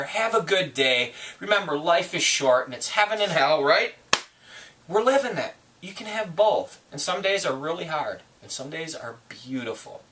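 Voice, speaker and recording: An excitable man in his forties rambles through a motivational monologue, cursing freely and breaking into shouts. His voice is bright and forceful and sits fairly high for a man. He sounds a little away from the mic. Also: distant mic, a little hiss or hum. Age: 40s. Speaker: collector vlogger. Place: indoor collection room.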